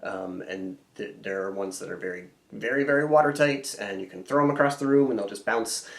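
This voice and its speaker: A man co-hosting a podcast explains his points steadily, with a casual "you know" here and there. His voice sits low. The sound is echoey. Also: a little fast, gravelly. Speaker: podcast co-host. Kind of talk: casual chat.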